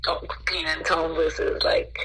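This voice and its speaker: A Trinidadian woman, a soca singer, chatting casually in an interview, relaxed and easygoing with lots of fillers. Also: low-pitched, unhurried, slightly rough, rough recording. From Trinidad and Tobago. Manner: relaxed, laughs easily, chatty with many fillers.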